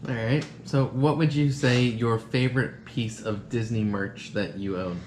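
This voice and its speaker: A man co-hosting a casual question game, asking questions in a relaxed way. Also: mid-range voice, measured pace. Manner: relaxed, asks questions with brief replies. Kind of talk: casual chat. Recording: echoey room with faint noise.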